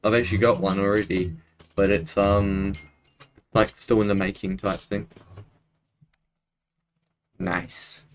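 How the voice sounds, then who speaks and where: A man's voice: fairly low pitch, little pitch movement, slow pace, pauses often. A young man with a broad New Zealand accent, chatting casually and slangily in a laid-back way while streaming a game. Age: young adult. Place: small indoor room at home.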